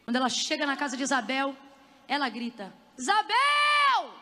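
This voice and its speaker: Impassioned high-voiced woman preacher. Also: fast talker, slight background noise. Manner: impassioned, building to shouts. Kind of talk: sermon. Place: conference hall. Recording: long hall reverb.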